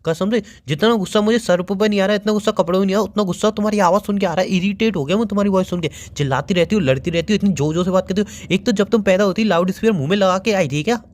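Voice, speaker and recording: A man's voice: sits high, very fast, few pauses, a little mellow. A young man teasing and complaining to his girlfriend in casual banter. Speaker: boyfriend on a call.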